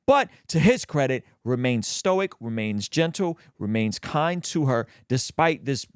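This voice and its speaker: A man's voice: medium pitch, big pitch swings, a little slow, smooth, no room sound, studio quality. A man giving casual, opinionated video commentary as a host, speaking colloquially and with emphasis. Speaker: host of a reaction show.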